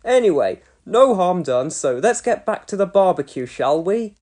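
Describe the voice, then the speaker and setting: A woman's voice: on the low side, big pitch swings, normal speed, darkish tone. A woman reading a storybook, voicing a good-humoured, easygoing male fireman. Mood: cheerful. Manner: easygoing, grinning.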